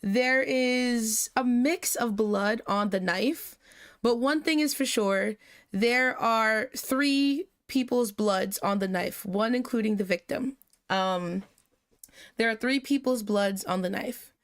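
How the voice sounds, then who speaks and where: A woman streamer playing the judge in a mock trial, talking in a loose, rambling way. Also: fairly high pitch. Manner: slow, rambling, breaks into laughter. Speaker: stream host acting as judge. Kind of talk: mock trial role-play on a livestream.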